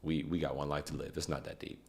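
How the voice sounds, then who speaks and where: Very deep-voiced man chatting loosely. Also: level tone, quick pace. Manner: rambling, loose slang and self-corrections. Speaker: podcast host. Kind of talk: casual chat.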